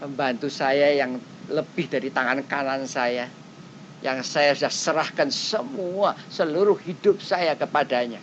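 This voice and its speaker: A woman preaching a sermon in plain everyday talk, often turning straight to her listeners and swinging between loud high exclamations and quiet low asides. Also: a little slow. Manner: speaks in plain everyday phrasing, often addressing listeners directly. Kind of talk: colloquial sermon to a congregation. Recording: dull lo-fi cassette with faint rumble.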